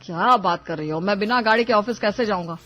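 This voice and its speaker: Grumbling, put-upon young husband voiced by a woman, mid-pitched cartoon voice. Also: quick pace, fairly bright tone, dull audio, soft background music, close to an everyday voice. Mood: complaining. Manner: complaining, teasing. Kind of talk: cartoon voice acting.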